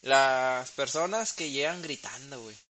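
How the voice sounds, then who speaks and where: A man's voice: medium pitch, a little slow, bright, forceful tone. A young man with a Mexican accent, co-hosting a casual podcast, who jokes around, laughs a lot and mimics people. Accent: Mexican Spanish. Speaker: podcast co-host. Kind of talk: casual chat among friends. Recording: faint hiss.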